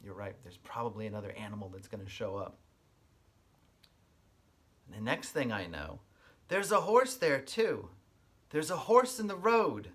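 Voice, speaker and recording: This kindergarten teacher has a mid-range, slightly rough voice as he reads expressively to little kids. Along the way he offers simple explanations they can follow.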